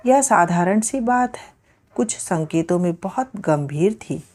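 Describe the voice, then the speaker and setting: A woman voicing a gentle wife who speaks in a soft, tender voice in a read-aloud story. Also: on the low side, expressive, unhurried.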